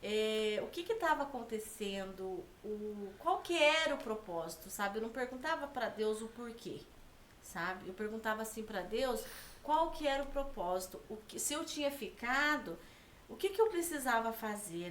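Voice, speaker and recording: Brief: Brazilian woman, higher voice, heartfelt, chatty storyteller, roomy sound with faint hiss. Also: expressive, moderate pace, a bit bright. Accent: Brazilian Portuguese. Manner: heartfelt, tag questions often. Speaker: podcast guest. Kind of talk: personal storytelling in conversation.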